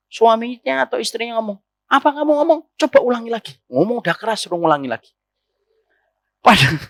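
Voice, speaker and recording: Gravelly man preaching to women. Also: very high voice, a bit bright, dry recording. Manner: keeps asking the audience rhetorical questions; often addresses the listeners directly as ma'am. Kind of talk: sermon to a women's study circle.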